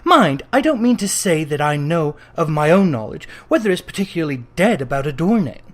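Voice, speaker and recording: An audiobook reader with a mid-range voice and big pitch swings reads a classic literary story aloud, dramatic and emphatic, phrasing each line deliberately.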